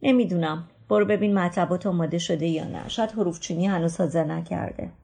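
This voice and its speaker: A woman's voice: fairly low pitch, creaky, dark tone, breathy edge. A woman voicing a young female newspaper colleague, speaking in a matter-of-fact way in a book reading. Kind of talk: audiobook reading.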